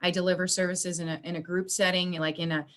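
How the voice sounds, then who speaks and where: A woman's voice: fairly low pitch, level tone, fast, fairly bright tone. A woman working as a school social worker, talking in a rambling way with many restarts during a video meeting. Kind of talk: casual video meeting chat. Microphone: video call.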